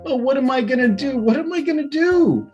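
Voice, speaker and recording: A man voicing a frightened young boy with a high squeaky voice. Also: expressive, brisk, a little mellow, muffled recording, soft background music. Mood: panicked.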